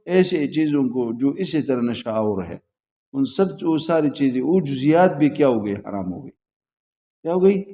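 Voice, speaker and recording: Mellow-voiced man teaching a class. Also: medium pitch. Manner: quizzes students, then repeats their answers; patient, repetitive explaining. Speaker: religious school teacher. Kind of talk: classroom lecture on logic.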